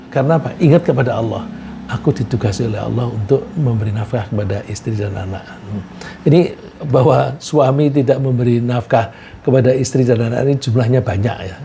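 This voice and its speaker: A man giving a religious lecture, reciting Arabic verses and explaining them in a relaxed, conversational way with anecdotes. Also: medium pitch, creaky, slight background noise. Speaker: Islamic preacher.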